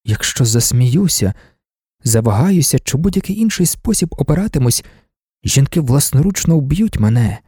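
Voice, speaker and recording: A man's voice: medium pitch, big pitch swings, normal speed, warm tone, breathy edge, dry recording, clean studio sound. A man voicing a loyal veteran male swordsman in an audiobook, speaking in tight, restrained declarations. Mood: tense.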